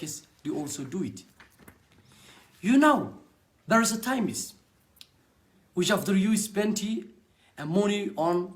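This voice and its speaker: Speaking in a high-pitched voice, a young man with a Somali accent, whose native language is Somali, offers a sincere personal testimonial about his network marketing venture, delivered in brief, hesitant phrases.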